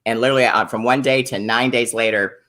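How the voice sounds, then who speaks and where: A woman's voice: very deep voice, fairly even intonation, fast talker, fairly bright tone. A middle-aged woman hosting a casual interview, praising products with upbeat enthusiasm. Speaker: host.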